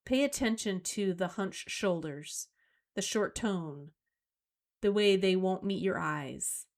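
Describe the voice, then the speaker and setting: Middle-aged woman host, solo talk; slow, deliberate coaching delivery at a middle pitch. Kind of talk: solo talk on emotional skills.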